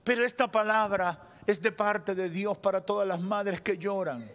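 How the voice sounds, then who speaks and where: A man in his thirties with a Dominican Spanish accent, preaching a fervent sermon from a church stage into a handheld mic, moving between loud declarations and slow, hushed lines. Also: high-pitched. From Dominican Republic. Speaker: pastor. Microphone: handheld microphone at a pulpit.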